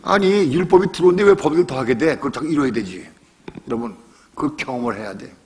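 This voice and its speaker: A man's voice: mid-range voice, expressive, fast, a little mellow, slight background noise. An older man preaching a sermon as pastor, talking conversationally and emphatically, with rhetorical questions, repeated phrases and personal stories.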